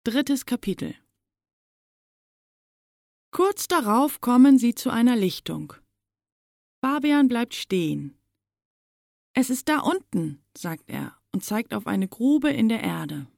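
A woman narrating a children's storybook in a measured, expressive way. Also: fairly high pitch, vocal fry, no room sound, clean studio sound.

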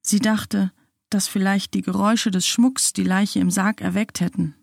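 A woman narrating a spooky storybook in a slow, measured, dramatic way. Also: medium pitch, steady tone, creaky, darkish tone, no echo, clean studio sound.

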